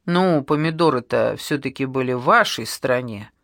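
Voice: medium pitch, animated, moderate pace, fairly bright tone, no room sound, voice pushed down. A narrator voicing a wry, ironic male detective. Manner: dry ironic questions.

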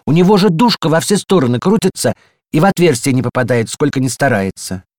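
A man's voice: a little high, big pitch swings, brisk, a little mellow, dry recording, studio quality, pitched above the performer's own voice. A man voicing a fussy, know-it-all female door handle in a storybook reading, prim and insistent, sometimes dropping to a tragic whisper.

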